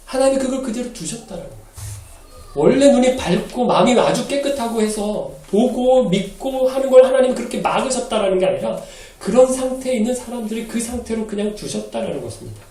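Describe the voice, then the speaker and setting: A man preaching a Sunday sermon as pastor, animated and acting out quoted lines in a changed voice. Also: very high-pitched, brisk. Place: church hall. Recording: echoey hall, mic from a distance.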